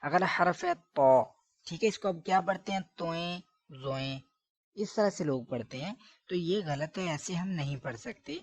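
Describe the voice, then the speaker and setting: A man's voice: sits high, lively intonation, normal speed, no echo. A man teaching letter pronunciation, correcting common mistakes and repeating each sound several times. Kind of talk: Arabic letter pronunciation lesson.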